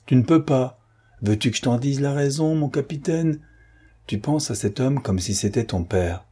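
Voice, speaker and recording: A man reading a raised, forceful commanding gentleman. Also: mid-range voice, lively intonation, normal speed, husky, pitched above the performer's own voice. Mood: persuasive. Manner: insistent, emphatic, urging. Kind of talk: audiobook character reading.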